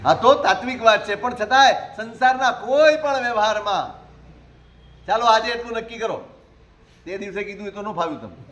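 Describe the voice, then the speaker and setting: A man, a Jain monk, preaching a sermon in a conversational way, with rhetorical questions and gentle humor. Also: high-pitched, moderate pace.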